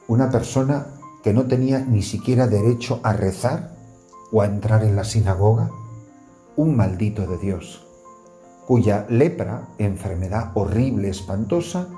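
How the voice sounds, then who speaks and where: Priest guy preaching, earnest, leans hard on key words, low and dark voice. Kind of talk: sermon.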